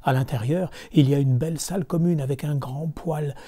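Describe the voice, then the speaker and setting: A man reading a fairy tale aloud as storyteller, calm and measured. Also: on the high side.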